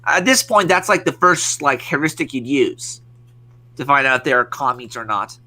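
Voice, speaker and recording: Guy hosting a podcast, rambles and swears a lot, bright edgy voice. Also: medium pitch, animated, normal speed. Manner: rambling, profane, many restarts. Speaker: podcast host. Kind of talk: casual profane podcast rant.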